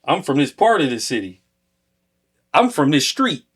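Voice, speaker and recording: Relaxed man explaining step by step. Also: on the high side, normal speed, slightly rough. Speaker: podcast co-host. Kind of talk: casual conversation.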